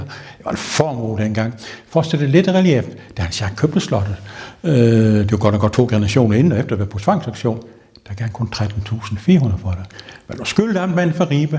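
A man guides visitors through an old castle and tells its ghost stories with relish, building up the suspense as he goes. His mid-pitched voice rings on in the long reverb of stone rooms and a wine cellar. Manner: lively storyteller, building suspense. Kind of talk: ghost-story guided tour.

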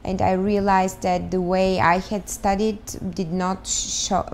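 A woman in her thirties from Bulgaria, speaking English with a Bulgarian accent, answering interview questions thoughtfully and pausing to search for words. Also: lowish voice, darkish tone, slight background noise. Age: 30s. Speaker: guest, start-up founder. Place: living room, on a sofa.

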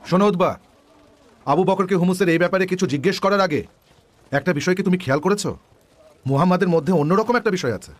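A man's voice: high-pitched, fast, pauses often, natural voice. A man voicing a thoughtful tribesman in a dubbed drama, explaining in a reflective way.

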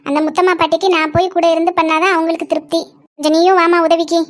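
A woman voicing a fierce, protective village mother-in-law who scolds fast in a cartoon. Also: very high voice. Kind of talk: cartoon voice acting.

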